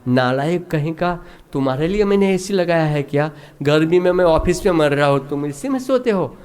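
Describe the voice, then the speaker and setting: A man's voice: a little high, expressive, normal speed, a little mellow, clean tone, close to an everyday voice. A male preacher voicing an angry master who scolds his servant in a told story. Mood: scolding.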